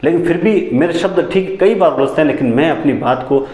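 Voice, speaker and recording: A man teaching a lesson, who repeats key phrases back as questions and sometimes talks fast enough that his words tangle. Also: on the high side, dark tone, reverberant. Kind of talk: classroom lecture on teaching methods.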